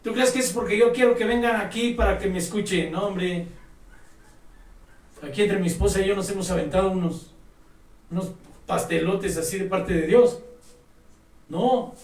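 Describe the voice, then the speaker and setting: Man, high voice, preaching an emphatic sermon, recorded from a distance in an echoey room. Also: moderate pace, long pauses, a little mellow. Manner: emphatic, exhorting, addresses listeners directly.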